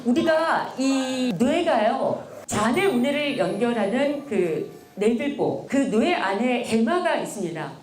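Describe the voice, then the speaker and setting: A woman lecturer talks animatedly and playfully, speaking straight to her audience. Her high voice swings widely in pitch. The echo of a large lecture hall carries every word. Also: expressive, slow, background noise. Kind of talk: motivational lecture.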